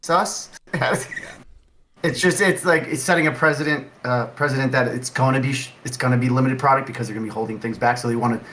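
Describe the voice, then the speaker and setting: A man's voice: medium pitch, fairly quick, fairly bright tone, a little hiss or hum, low-quality recording. A man talking as a podcast guest in casual chat, rambling with lots of "like" and restarts. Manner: rambling, heavy use of "like" and restarts.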